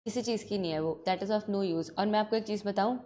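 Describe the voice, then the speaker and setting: A woman's voice: mid-range voice, brisk, mellow. A woman law teacher, talking earnestly to her class and mixing Hindi with English, stern but caring. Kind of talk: classroom talk to students.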